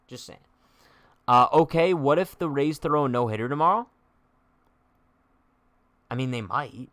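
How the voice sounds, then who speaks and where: A man's voice: mid-range voice, animated, a little slow, fairly bright tone, no echo. A young man hosting a live-stream sports chat, trash-talking in a joking way, heavy on slang, and reading viewer comments aloud. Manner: slangy, says "bro" a lot. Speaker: sports show host.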